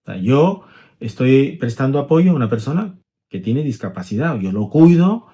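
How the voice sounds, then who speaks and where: A man's voice: mid-range voice, sing-song, moderate pace, warm tone. A middle-aged man, an immigration lawyer, explaining rules conversationally, walking through hypothetical examples and checking in with tag questions.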